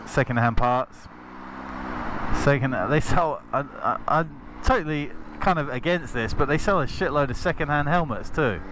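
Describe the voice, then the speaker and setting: A man's voice: on the high side, moderate pace. A man casually chatting while riding a motorcycle through city traffic, rambling and swearing freely. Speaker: motovlogger. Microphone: helmet-mounted camera mic. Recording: helmet recording with road and engine noise.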